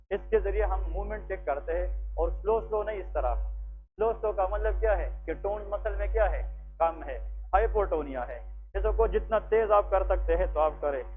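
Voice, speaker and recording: A man teaching a medical class, explaining an examination step by step and often checking that students follow. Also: high-pitched. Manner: explanatory, asks the class frequent check questions. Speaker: medical lecturer. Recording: tinny phone-like recording with faint music.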